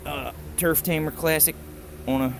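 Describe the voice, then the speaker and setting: Low-pitched-enough Baltimore man over noticeable background noise. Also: fairly even intonation. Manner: plain-spoken, folksy, halting phrases. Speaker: instructor in a do-it-yourself tutorial. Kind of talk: casual hands-on how-to explanation. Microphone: handheld camera held while demonstrating.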